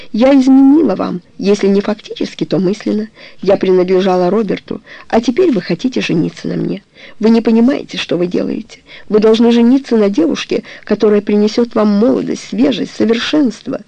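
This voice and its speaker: An audiobook reader voicing a weary, ashamed middle-aged woman who confesses to her suitor in a low, hollow, bitter tone. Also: brisk, creaky, warm tone, no room sound, highs cut off. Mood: confessing.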